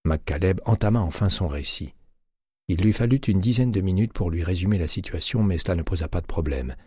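A man narrating an audiobook in a steady, measured reading. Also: low-pitched, husky, no echo, studio quality.

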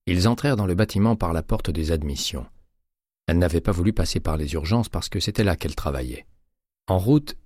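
A very deep, husky male voice reads a novel aloud in scripted narration. His delivery is steady and measured. The sound is dry and close, with no room around it. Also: no room sound. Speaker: audiobook narrator.

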